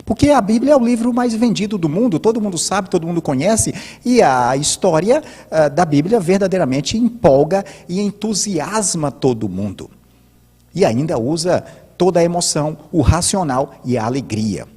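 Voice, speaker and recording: A middle-aged man talks through speech technique like a teacher, stumbling into filler restarts. His voice sits a little high with a husky edge. It rings out with a long reverb tail. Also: lively intonation, moderate pace, dark tone. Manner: didactic, many hesitant filler restarts. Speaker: host and commentator. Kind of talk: spoken commentary on political speeches.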